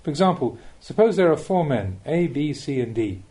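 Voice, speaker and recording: A man narrates spiritual teachings in audiobook form, his phrasing emphatic and his manner measured and instructive. He has a mellow voice that sits on the high side and is very animated.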